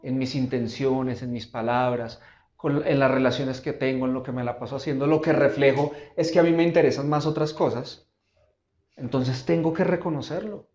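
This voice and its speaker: A man preaching a sermon as pastor, emphatic, with dramatic pauses and repeated questions. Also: medium pitch, steady tone, a little mellow, echoey room, lo-fi sound. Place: church auditorium.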